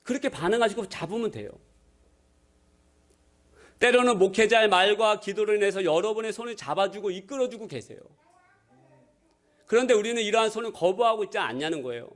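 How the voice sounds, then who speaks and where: High-voiced male pastor preaching. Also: expressive, brisk, pauses often, a bit bright. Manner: playful, acts out voices in anecdotes. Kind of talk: sermon. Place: church sanctuary.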